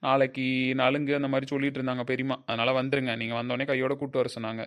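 A man's voice: mid-range voice, level tone, rapid-fire, fairly bright tone. A man playing a grandson in a homemade family drama, exasperated and lecturing.

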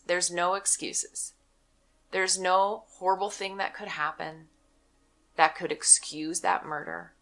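Slow, bright-voiced fervent woman preacher. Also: fairly low pitch. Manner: fervent, drops to a hushed near-whisper for emphasis. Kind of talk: scripture reading and impassioned preaching and prayer.

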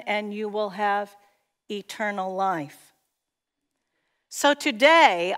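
Slow, emphatic woman speaker in a hall. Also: mid-range voice, a bit bright. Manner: earnest, emphatic, playful asides. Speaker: workshop speaker. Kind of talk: conference teaching talk. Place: large hall before an audience. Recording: long hall reverb.

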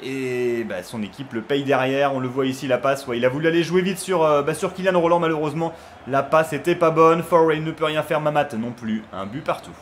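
A young man chatting casually over his football video game, filling gaps with hesitations and shouting with excitement at big moments. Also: on the high side, brisk, slight background noise. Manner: chatty, lots of fillers, bursts of excited shouting on goals. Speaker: gaming YouTuber. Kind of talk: casual gameplay commentary.

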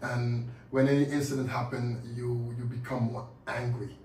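A man's voice: medium pitch, level tone, moderate pace, darkish tone, recorded from a distance. A man with a Caribbean accent from Saint Kitts and Sint Eustatius, telling personal stories as a guest in a casual interview. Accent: Caribbean, Kittitian and Statian. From born in Saint Kitts, grew up in Sint Eustatius. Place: radio studio. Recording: roomy, off-mic, faint noise.

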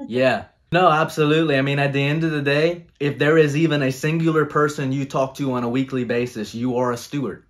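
A man's voice: medium pitch, steady tone, fairly quick, hardly any pauses. Guy in his 30s talking leadership and faith on a video call, earnest coach vibe, small room at home. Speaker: guest speaker on leadership.

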